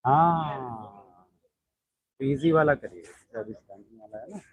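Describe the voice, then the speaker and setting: A man leading a group yoga class, counting aloud slowly and giving instructions. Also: mid-range voice, expressive, husky, lo-fi sound.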